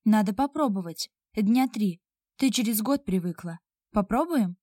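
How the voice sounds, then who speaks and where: Domineering, mocking young boss barking orders, read by a woman, dry close sound, middle pitch. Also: expressive, a little slow, dark tone, dry recording. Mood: commanding. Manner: commanding, mocking.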